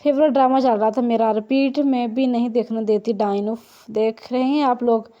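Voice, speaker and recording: A woman voicing Rabab, a sharp-tongued, teasing young woman about to marry, in an audiobook reading. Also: on the high side, fairly even intonation, normal speed, lo-fi sound, natural voice. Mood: cheeky. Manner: cheeky, mocking.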